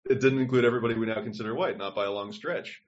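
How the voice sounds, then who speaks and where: Speaking very fast in a mid-range voice, this podcast co-host rambles and thinks out loud during a casual chat over a remote call. The recording is muffled.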